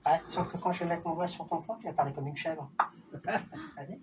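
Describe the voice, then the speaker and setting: A man's voice: a little high, sing-song, normal speed. A man working as a stage hypnotist in a theatre, giving commanding suggestions to volunteers and teasing them playfully. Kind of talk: live stage hypnosis show. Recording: noisy, distant live theatre recording.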